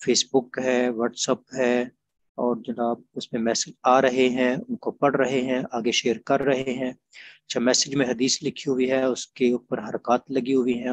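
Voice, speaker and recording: A man teaching an online grammar class, explaining patiently and repeating examples slowly. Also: mid-range voice, level tone.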